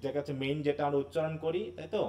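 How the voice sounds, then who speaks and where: Teacher explaining with frequent check-ins. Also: male voice, on the high side, level tone, rapid-fire, dark tone, distant mic. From Bangladesh. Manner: explanatory, often checks understanding with tag questions; mixes in English terms and phrases. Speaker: English literature teacher. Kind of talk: live online class lecture.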